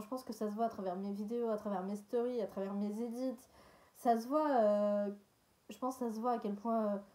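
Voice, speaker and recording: A young woman's voice, pitched a little high, in a relaxed and rambling vlog chat. She answers viewer questions with lots of hesitation and filler words, laughing softly now and then. Her delivery is informal and meandering. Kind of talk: casual chat.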